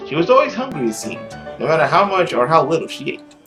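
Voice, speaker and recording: A man with a slightly high voice hosts a gaming video, reading a visual novel aloud and tossing in chatty commentary. He talks fast and animatedly over soft background music.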